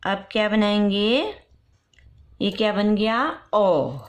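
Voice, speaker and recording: A woman teaching young children's letter sounds step by step for parents, repeating each sound slowly. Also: mid-range voice, expressive. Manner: slow, repetitive, drawn-out letter sounds. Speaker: nursery teacher.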